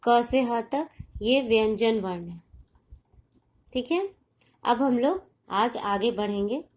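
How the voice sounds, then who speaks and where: A woman teaching a primary school class in a recorded online lesson, explaining slowly and deliberately and often checking that the children understand. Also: a little high, animated. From India.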